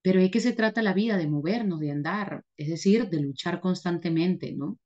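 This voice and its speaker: A woman teacher with a fairly low, slightly mellow voice delivers an emphatic motivational lecture at a moderate pace, captured on a muffled recording. She repeats her points and answers her own rhetorical questions.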